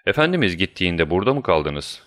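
A man voicing a shrewd, composed male detective who speaks in a measured, commanding way, in a deep voice. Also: big pitch swings, fairly bright tone.

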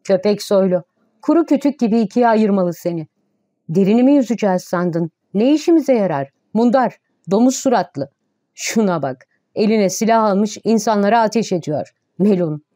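A woman reading aloud voices a crude, scornful male soldier who shouts curses. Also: mid-range voice, lively intonation, measured pace, no room sound, clean studio sound, natural voice. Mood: angry shouting.

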